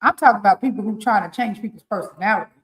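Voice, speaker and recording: A woman with a rural Southern US accent, co-hosting a casual live-stream morning show as a relationship coach and giving lively, preachy advice with frequent laughs. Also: mid-range voice, rapid-fire. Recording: roomy echo.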